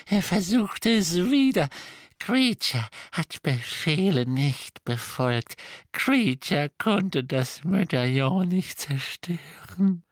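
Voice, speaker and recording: A woman voicing a guilt-ridden, servile old male house-elf who speaks slowly and in anguish, referring to himself in the third person. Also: mid-range voice, dry recording. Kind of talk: audiobook character voicing.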